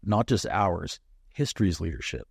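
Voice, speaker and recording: A middle-aged man with a very low voice tells a story bluntly and with plenty of swearing. He sounds animated and frank, like a former military chief talking with a friend. The recording is dry and close. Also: moderate pace, gravelly, breathy edge, no echo. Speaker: guest, former bomb disposal chief. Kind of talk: casual storytelling conversation.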